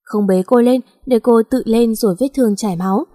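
A woman's voice: fairly high pitch, fairly quick, warm tone, studio quality, natural voice. A woman voicing a bossy, teasing male company director who talks in a curt, mocking way. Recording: long echoing reverb.

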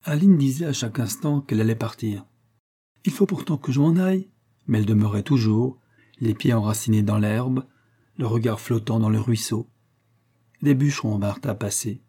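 A man reading a story aloud in a measured, gentle narration. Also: lowish voice, breathy edge. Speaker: audiobook reader. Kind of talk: scripted narration.

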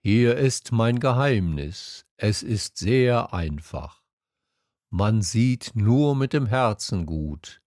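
A wise, calm fox speaks patiently and slowly, like a teacher, as a man reading the storybook puts him on. The voice is fairly low, with a lively melody, in a dry, close recording. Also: dry recording.

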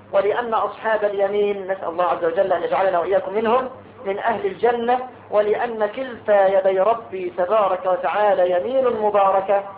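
A man teaching a hadith lesson, explaining the text and asking the class rhetorical questions. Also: sits high. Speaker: religious teacher. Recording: tinny phone-like sound, roomy echo, faint hiss.

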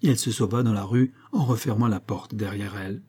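A man reading a classic short story aloud as narrator, in a measured storytelling manner. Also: on the low side, fairly even intonation, dark tone, slightly rough. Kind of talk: scripted audiobook narration.

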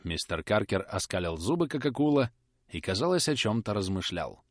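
Guy reading a classic novel aloud, lively up-and-down voice, dry close sound. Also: lowish voice, no echo. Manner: expressive, measured storytelling. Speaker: audiobook reader. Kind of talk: audiobook narration.

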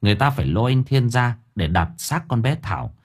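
Expressive male storyteller, lively pitch. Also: fairly quick, husky. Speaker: audiobook narrator. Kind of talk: storytelling narration. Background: faint music bed.

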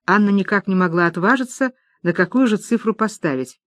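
An audiobook narrator reading a novel aloud in a lively storytelling manner, voicing the dialogue. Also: medium pitch, fairly quick, dry recording, clean studio sound. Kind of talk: scripted narration.

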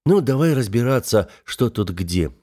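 A man's voice: medium pitch, very animated, moderate pace, warm tone. A man voicing a wry, practical young male hero, close to his own reading voice. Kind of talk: audiobook character voice.

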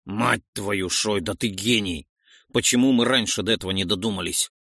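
A man voicing a gruff male arena fighter who curses freely. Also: on the low side, moderate pace, fairly bright tone, dry recording, clean studio sound, pitched below the performer's own voice. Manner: gruff, swearing. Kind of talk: audiobook reading.

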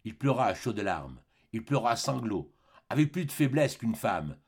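A man reading a classic novel aloud as an audiobook narrator, with an expressive, dramatic delivery. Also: mid-range voice, normal speed, husky. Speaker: audiobook reader. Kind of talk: scripted narration.

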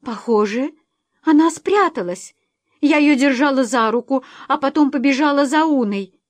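A woman's voice: fairly high pitch, measured pace, darkish tone, no echo. A woman voicing a young mother who is frightened and close to tears, speaking in a pleading, rising tone. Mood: panicked. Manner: tearful, pleading, rising in alarm. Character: frightened young mother searching for lost daughter. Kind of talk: audiobook character voicing.

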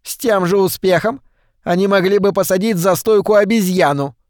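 Guy putting on a screechy old spider-woman, high and shrill, bossy and nasty, storybook horror. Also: normal speed, a little mellow, no echo, clean studio sound, close to an everyday voice. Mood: scornful.

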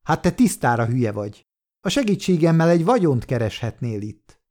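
A man's voice: on the high side, very animated, dark tone, pitched above the performer's own voice. A man reading the part of a small-time male thief who talks in a pushy, persuasive way.

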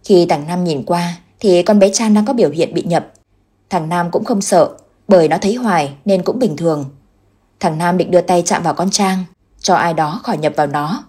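A woman narrating a ghost story in a steady scripted telling. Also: fairly low pitch, moderate pace, husky.

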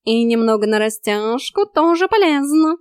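A woman's voice: a little high, expressive, normal speed, clean tone, no echo, clean studio sound, close to an everyday voice. A woman voicing a cheeky male talking cat who teases like a bossy fitness coach in an audiobook. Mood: mocking. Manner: teasing, bossy drill-instructor banter. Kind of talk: audiobook character voice.

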